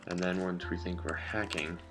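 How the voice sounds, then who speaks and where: A young man giving casual, rambling gameplay commentary with deadpan absurd jokes. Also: deep voice, normal speed. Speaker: gaming vlogger. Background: game music.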